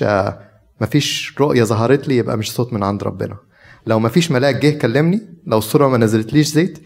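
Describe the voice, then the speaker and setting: A man's voice: medium pitch, creaky, a little mellow. A man with an Egyptian Arabic accent preaching a sermon in a conversational way, putting questions to his listeners. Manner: conversational, asks the audience questions.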